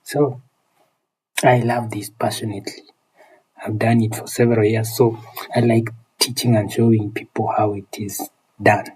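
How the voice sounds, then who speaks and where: On his livestream, a phone repair technician with a Kenyan accent casually walks viewers through repairs and answers them, repeating his phrases often. His lowish voice is flat, a little mellow and slightly rough at normal speed, in a rough recording.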